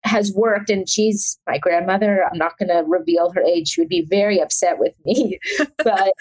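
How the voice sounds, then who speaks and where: Guest chef, young woman, lower voice, loose and chatty, leans hard on "like". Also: moderate pace, a little mellow, poor audio. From South Africa. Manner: chatty, rambling, frequent "like" fillers. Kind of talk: casual interview chat.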